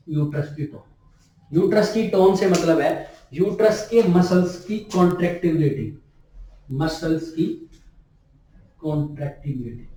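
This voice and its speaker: Here a man with a warm, slightly high voice teaches nursing students in a classroom lecture. As their tutor, he repeats key terms and answers questions he raises himself; the mic is distant and the room echoey.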